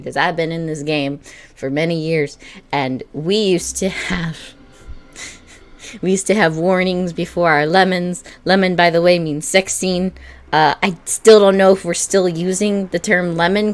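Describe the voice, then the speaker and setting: A young adult woman rambling through casual commentary, swearing freely and laughing as she talks. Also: fairly low pitch. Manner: swears freely, laughs often, many fillers. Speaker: video creator.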